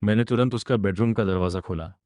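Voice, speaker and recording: Man, story narrator, first-person recap, steady delivery, dry close sound. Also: fairly low pitch, fast talker, no echo.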